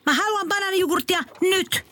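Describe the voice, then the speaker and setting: A woman's voice: extremely high pitch, expressive, a bit bright, slight background noise. A woman voicing a spoiled, demanding little girl in a comic radio story, whiny and stubborn.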